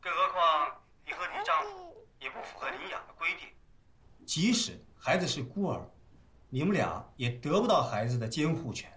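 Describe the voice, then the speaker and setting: A cautious male lawyer in a TV drama. His voice is bright and crisp, and it rises and falls widely as he reasons calmly with a client. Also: fairly high pitch, slight background noise. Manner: measured, reasoning, soothing. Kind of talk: TV drama acting.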